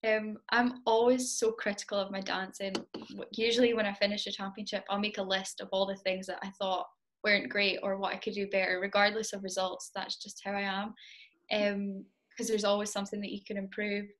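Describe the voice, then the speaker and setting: A young woman, a competitive Highland dancer, answers interview questions about her dancing as a guest, chatty and self-deprecating with plenty of ums. Her mid-range voice is level, a bit bright, and fairly quick.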